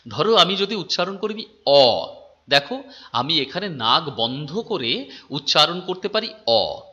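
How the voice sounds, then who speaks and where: A man's voice: a little high, bright, forceful tone, highs cut off. A male teacher giving a lecture, repeating key terms, checking with his students and drawing out sounds to demonstrate them. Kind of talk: phonetics lecture.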